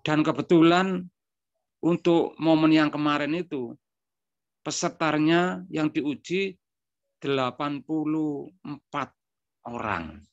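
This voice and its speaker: A man's voice: on the high side, takes it slowly, pauses often, dry recording. A man telling a personal story, acting out bits of dialogue, with frequent filler words. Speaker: speaker giving a testimony. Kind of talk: spoken reminiscence. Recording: dry, dull lo-fi sound.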